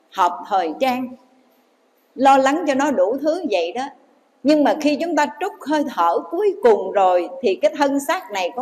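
A Buddhist nun telling a story in a dharma talk, addressing the audience directly. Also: female voice, a little high. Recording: long hall reverb.

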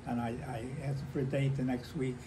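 An American man in his nineties, an old veteran remembering the past in halting, conversational stories, repeating himself and acting out remembered dialogue. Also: mid-range voice, level tone. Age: 90s. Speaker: war veteran interviewee. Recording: noisy handheld home recording.

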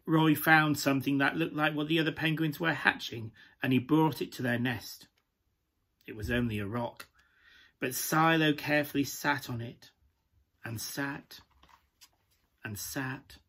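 A man performing a glamorous, camp pantomime dame with a British accent and a husky, breathy voice, coaxing listeners through a children's story. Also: on the high side, measured pace, pauses often, pushed and bright. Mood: tender, storytelling. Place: small room at home, indoors.

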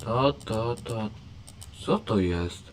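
A man doing let's play commentary, excitable, often yelling at characters in the game. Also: fairly low pitch, extremely slow, a little hiss or hum. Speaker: gamer.

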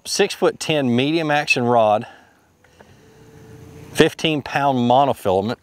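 A man in his thirties hosting a fishing video, casually explaining lures and rods from a boat on a lake, rambling with lots of fillers and restarts. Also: medium pitch. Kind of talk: casual how-to narration while fishing.

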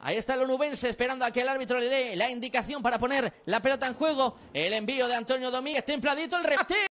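A man giving excitable, breakneck football goal commentary, stretching out names and cries. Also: extremely high pitch, fast.

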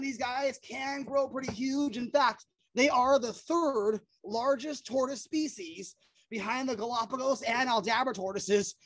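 Outdoors in a yard, a middle-aged woman shows off animals for an educational reptile show. She talks casually and enthusiastically in a fairly high voice, sprinkling in surfer-style slang.

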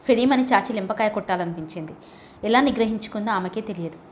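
A woman reading a novel aloud as an audiobook narrator, steady and measured. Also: mid-range voice, a little hiss or hum. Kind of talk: scripted narration.

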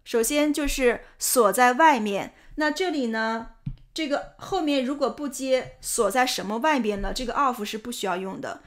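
A woman teaching English pronunciation and grammar, explaining points patiently and clearly. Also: a little high, moderate pace. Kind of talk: explanatory lesson narration.

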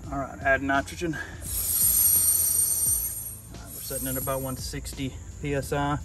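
Working at an outdoor air conditioning unit, a male HVAC technician explains his repair on the job in a relaxed, plain way, using fillers. His mid-range voice shows little pitch movement at a moderate pace, heard over music.

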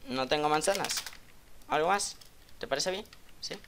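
Guy doing gameplay commentary, trash talks and repeats himself, mutters then yells, loud keyboard clacking. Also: on the high side, normal speed, gravelly, slight background noise. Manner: taunts opponents, repeats phrases over and over; swings from muttering to loud outbursts. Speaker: gaming channel host. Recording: keyboard clicks and typing behind voice.

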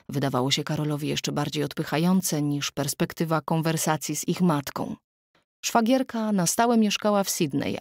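A woman narrating an audiobook in a steady, even storytelling voice, recorded close on a studio mic. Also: lowish voice, no echo. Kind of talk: scripted narration.

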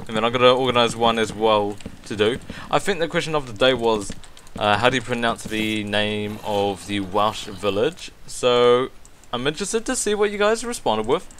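A man hosting a gaming video, chatting casually over his gameplay, excitable, with lots of ums and laughs. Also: medium pitch, moderate pace, slight background noise.

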